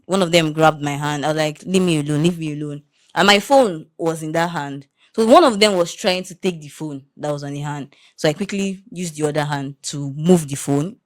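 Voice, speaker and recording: A young woman with a Nigerian accent co-hosts a casual podcast and tells her stories with lively energy. She drops into pidgin phrases now and then. Her voice sits a bit low. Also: normal speed, hardly any pauses. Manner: animated storytelling, mixes in pidgin. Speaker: podcast co-host. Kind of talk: casual chat.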